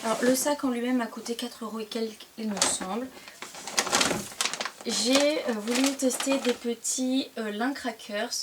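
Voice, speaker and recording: A woman's voice: fairly high pitch, steady tone, unhurried. A young woman in her twenties, chatting casually with lots of fillers and hesitations as she shows items in a haul video at home. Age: 20s. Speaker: vlogger. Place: indoors at home. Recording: distant mic with clear background noise.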